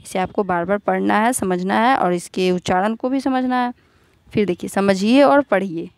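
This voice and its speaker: A woman teacher giving a recorded lesson to young children. She asks questions, answers them herself and repeats each word slowly. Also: medium pitch, no echo. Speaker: school teacher.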